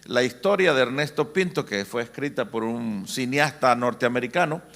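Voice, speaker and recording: A man's voice: mid-range voice, lively intonation, normal speed, fairly bright tone. Man, 60s, Honduran accent, mid-range voice; humorous storytelling preacher at a family conference. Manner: joking, anecdotal preaching. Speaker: pastor and family-conference speaker. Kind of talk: church conference talk. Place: church.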